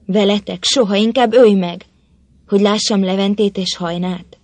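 A woman's voice: mid-range voice, steady tone, a little mellow, no room sound, natural voice. A woman voicing a heartbroken young woman feared as a witch, bitter and resigned, in a storybook reading.

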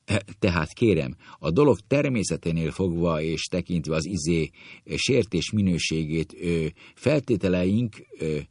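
A man voicing a petty, quarrelsome gentleman in a comic sketch, shouting insults in sudden shrill leaps. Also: expressive, no echo, studio quality. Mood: hesitant. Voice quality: shrill jumps into high shouts. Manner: insulting, quick to kick. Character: squabbling man bent on a duel, shrill.

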